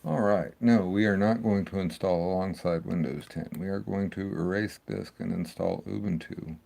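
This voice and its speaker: A man's voice: low voice, fairly even intonation, normal speed, creaky, dark tone. A man hosting a casual tech walkthrough, rambling and thinking aloud as he works at his computer. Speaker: tech video host. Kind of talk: casual screen-recording walkthrough.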